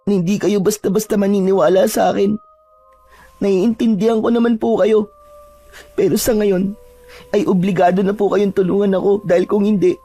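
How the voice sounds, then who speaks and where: A woman acts out a young aswang in hiding who pleads politely and fearfully in an even, flat tone, respectful, earnest and soft-spoken. Her voice is dark, mellow and natural at a medium pitch, with faint music under the horror-story telling.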